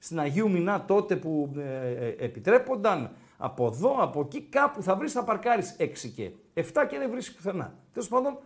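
A man's voice: high-pitched, few pauses. A man co-hosting a sports talk show, telling anecdotes and acting out the dialogue in casual banter. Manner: animated storyteller who acts out dialogue.

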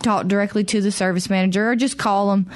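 A woman with a gravelly voice who works as a mechanic, giving practical, direct advice in a casual call-in style. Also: mid-range voice, steady tone, quick pace. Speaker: auto mechanic advising callers.

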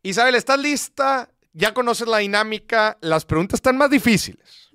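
A man's voice: extremely high pitch, animated, moderate pace, pushed and bright, clear, resonant tone, no echo, studio quality. A man with a Mexican accent hosting a live call-in quiz show, joking with callers and reading out questions. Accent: Mexican Spanish. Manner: playful, joking banter with callers. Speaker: host.

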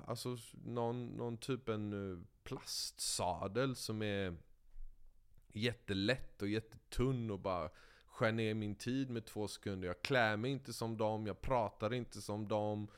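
Man, casual podcast chat, animated storytelling, profane and boastful, clear resonant voice. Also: lowish voice.

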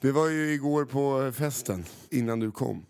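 A man co-hosts a podcast in loose casual chat. His voice is gravelly with steady fry, pitched in the middle range. He jokes and mocks himself, talking into a handheld microphone. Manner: joking, self-mocking. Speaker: podcast co-host.

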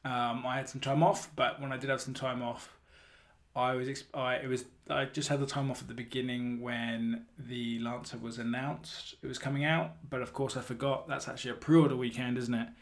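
A man hosting a hobby podcast in a casual, rambling, self-correcting way, recorded in the hallway of a flat. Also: medium pitch, fairly quick. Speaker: podcast host.

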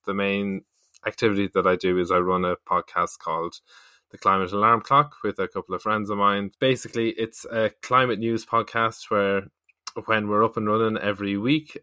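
A man's voice: on the low side, bright, forceful tone, smooth, no room sound, clean studio sound. A man in his thirties with a west of Ireland accent, chatting casually as an interview guest on a podcast. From Galway, west of Ireland. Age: 30s.

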